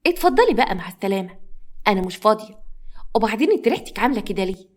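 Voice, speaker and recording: A scornful, haughty stepmother in an Egyptian storybook tale, put on by a woman narrator, her voice pitched a little high. She talks down to everyone with quick, sneering contempt. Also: animated. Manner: sneering, condescending.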